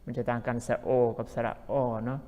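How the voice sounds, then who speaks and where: A man's voice: mid-range voice, completely flat delivery, brisk, a little mellow. A man teaching English vocabulary as a language teacher, who repeats each word several times. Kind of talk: vocabulary lesson. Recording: long hall reverb.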